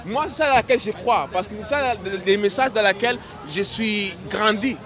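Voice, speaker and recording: A man from Senegal on a city street, speaking earnestly and haltingly, often restarting his sentences. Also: high-pitched, a crowd in the background. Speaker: passerby. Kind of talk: street debate.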